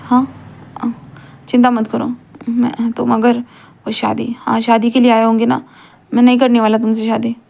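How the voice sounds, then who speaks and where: A woman voicing a withdrawn, depressed young man who talks softly and hesitantly, repeating himself. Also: on the high side, completely flat delivery, moderate pace, creaky, long pauses. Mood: weary.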